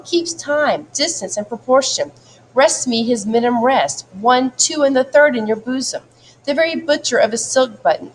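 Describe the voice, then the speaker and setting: A woman reading every part of a play aloud and stopping to explain it to students. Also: medium pitch. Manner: reads every part herself, shifting between characters. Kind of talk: dramatic reading with commentary.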